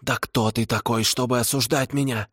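A man's voice: mid-range voice, steady tone, moderate pace, a bit bright, no room sound, clean studio sound, voice pushed up, natural voice. A man voicing a desperate old female swamp spirit who shrieks and hisses. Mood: bitter. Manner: shrieking and hissing.

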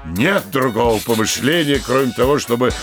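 An actor playing a sanctimonious, obsequious middle-aged mayor in a comic audio play, hesitant and unctuous. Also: male voice, mid-range voice, lively intonation, normal speed, music in the background, lightly acted. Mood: flattering.

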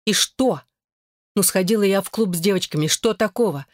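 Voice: medium pitch, fairly quick, no room sound, studio quality, natural voice. A reader voicing an angry young woman arguing with her ex-husband in an audiobook. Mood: indignant. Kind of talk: audiobook character voice.

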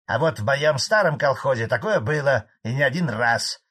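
A man voicing an angry, blunt old male Soviet cattle farmer in an audiobook, gruff and indignant. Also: medium pitch, animated, normal speed, a bit bright, pitched above the performer's own voice.

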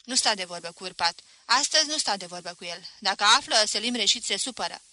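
A woman's voice: mid-range voice, lively intonation, bright, forceful tone, dry recording. A woman reading a novel aloud, voicing an anxious young boy giving an urgent warning.

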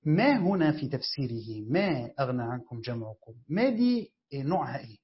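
A man's voice: medium pitch, very animated, brisk. A man with an Egyptian accent teaching a classroom lesson on Quran exegesis, quizzing listeners and then answering his own questions. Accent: Egyptian Arabic. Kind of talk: classroom lesson, explaining grammar. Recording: dull lo-fi recording.

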